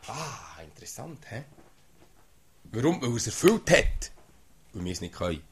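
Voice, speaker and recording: A man's voice: medium pitch, very animated, moderate pace, breathy edge. A man gives an informal sermon to a small group, talking in a conversational way and often asking "oder?". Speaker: lay preacher.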